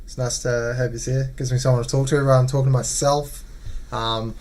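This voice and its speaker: A man's voice: mid-range voice, flat delivery, brisk, darkish tone. A man chatting casually and matily on a livestream, thinking aloud as he plays. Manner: friendly, matey, thinking aloud. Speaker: live streamer playing chess.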